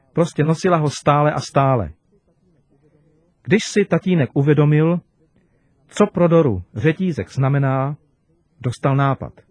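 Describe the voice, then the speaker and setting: A man preaching to children, telling a story gently and expressively. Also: a little high, no echo.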